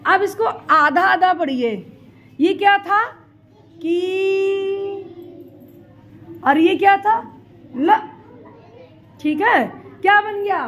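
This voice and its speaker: Very high, very slow woman teacher. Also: a bit bright. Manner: slow, drawn-out, repeating questions and answers. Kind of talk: teaching children Hindi letters.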